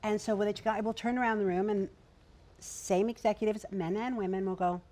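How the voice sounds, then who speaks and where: On a discussion panel, a writer and producer with a young-sounding, medium-pitched voice shares irreverent stories, full of energy and laughing easily.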